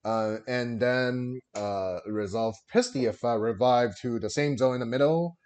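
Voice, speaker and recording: A man's voice: medium pitch, a little slow, a little mellow. A man on a livestream headset mic, casually calling out his card game moves with many fillers. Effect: livestream headset mic audio. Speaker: streamer and card game player. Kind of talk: casual play-by-play commentary of his own turn.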